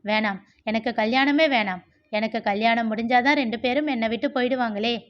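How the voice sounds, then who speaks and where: A woman's voice: on the high side, a little fast, close to an everyday voice. A woman voicing a spoiled nineteen-year-old young man in a storybook reading, protesting tearfully. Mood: hurt. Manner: sobbing, petulant protests. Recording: muffled lo-fi recording.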